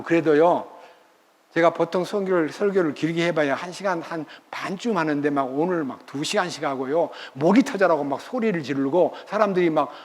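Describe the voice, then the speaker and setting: A man's voice: a little high, long reverb tail. An older man preaching a sermon as pastor at a church retreat, telling the story with emphatic energy.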